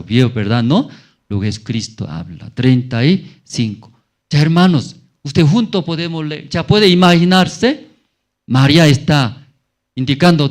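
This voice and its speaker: A pastor, male and medium in pitch, leads a Sunday sermon at church in a slow, lively style. He relies on call-and-response, asking the congregation many questions.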